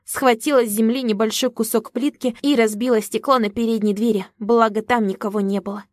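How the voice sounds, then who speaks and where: A woman's voice: fairly high pitch, steady tone, a little fast, no echo, studio quality. A woman narrating a story in the first person, with emotional storytelling. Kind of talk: audiobook narration.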